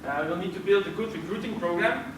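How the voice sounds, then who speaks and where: In this group presentation, a hesitant man keeps restarting while speaking fast in a high-sitting voice. He is captured from a distance in an echoey, noisy room.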